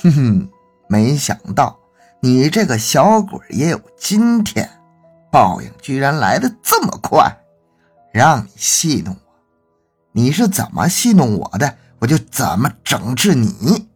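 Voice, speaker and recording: A man voicing a gruff old country grandfather who scolds and threatens. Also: medium pitch, sing-song, measured pace, faint music behind. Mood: vengeful.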